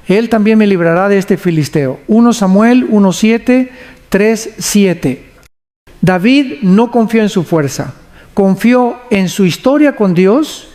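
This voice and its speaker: A man delivering a devotional sermon in a solemn, measured way and leading listeners in prayer. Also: high-pitched, a little mellow. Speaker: preacher.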